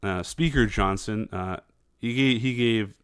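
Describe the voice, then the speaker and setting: A man hosting casual political commentary, talking in a halting way with many fillers and restarts. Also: fairly low pitch, clear, resonant tone, dry recording, studio quality.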